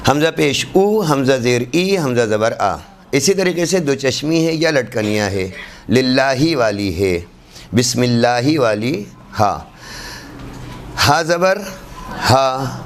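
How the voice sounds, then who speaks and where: A man giving a classroom lesson on Quran recitation, demonstrating letter sounds slowly and repeating them for students. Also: mid-range voice, slight background noise.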